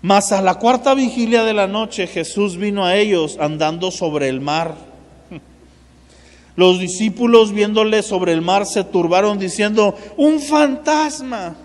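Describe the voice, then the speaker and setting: High-voiced man preaching in a reverberant hall. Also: unhurried. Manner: addresses the congregation directly, playful asides. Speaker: pastor. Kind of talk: sermon. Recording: long reverb of a large hall.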